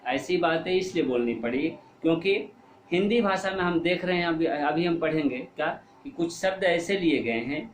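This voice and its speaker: A man teaching a Hindi grammar lesson to young pupils. He keeps asking questions and answering them himself, repeats key words and draws out the example sounds slowly. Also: on the high side. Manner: slow, drawn-out stress on example words. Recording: echoey room with faint ambient noise.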